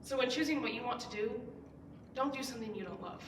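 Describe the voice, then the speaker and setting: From a school stage, a young woman in her late teens makes a fast, earnest persuasive speech in a fairly high voice, pushing key words up with emphatic rises. Background noise and roomy echo come through, as she's heard from some distance.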